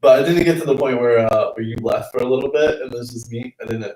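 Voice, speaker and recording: A man's voice: mid-range voice, fairly even intonation, fast talker, darkish tone. A young man co-hosting a casual podcast, rambling with lots of fillers. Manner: laid-back, rambling, heavy on fillers. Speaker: podcast co-host. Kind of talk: casual chat. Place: basement. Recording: roomy basement, mic at a distance.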